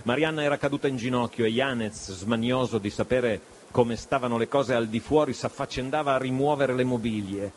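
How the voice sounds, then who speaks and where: A man's voice: mid-range voice, fairly quick, a little hiss or hum. Man giving a dramatic storybook reading. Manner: expressive, shifts voice for dialogue. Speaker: audiobook reader.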